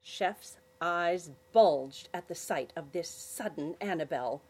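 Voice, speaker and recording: A woman hosting a family podcast, narrating a children's adventure story with expressive storytelling. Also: on the low side, slow pace, breathy edge, low-quality recording.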